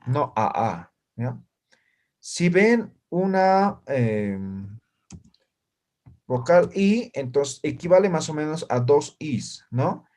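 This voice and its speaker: A man's voice: a little high, expressive, takes it slowly, a little mellow. A male language teacher, giving a classroom lesson and checking in with his students after nearly every phrase. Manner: checks in constantly with short questions to students. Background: students answering in the room.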